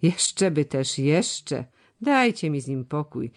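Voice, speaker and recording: A reader voicing an old treasurer who lisps and stammers, a sharp, scornful critic in an audiobook. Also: medium pitch, very animated, takes it slowly. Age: older. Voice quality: lisping, stammering. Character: old male treasurer, sharp-tongued and grumbling. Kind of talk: audiobook character voice.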